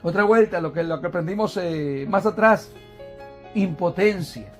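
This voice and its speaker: With a voice that sits high and a somewhat slow delivery, a man teaches a church sermon over faint background music. He asks the congregation questions, calls them brothers, and frequently repeats and restarts words.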